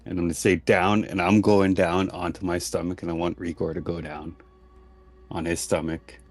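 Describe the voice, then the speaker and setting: A man's voice: low-pitched, level tone, normal speed, faint music behind. A man talking casually as a player at a tabletop game, describing what his character does.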